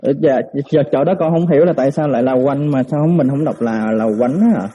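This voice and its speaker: A man, a student asking halting, repeated questions in an online class. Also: mid-range voice, dark tone, breathy edge. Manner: halting, stammers and rephrases questions.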